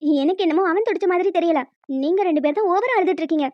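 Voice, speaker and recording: A woman voicing a brisk, matter-of-fact young doctor in a cartoon, a little teasing. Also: very high voice, no room sound, muffled recording. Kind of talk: cartoon voice acting.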